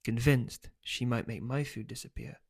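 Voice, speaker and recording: A man's voice: medium pitch, normal speed, creaky, breathy edge. Man reading his own novel. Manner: steady storytelling, loose and hesitant when speaking offhand.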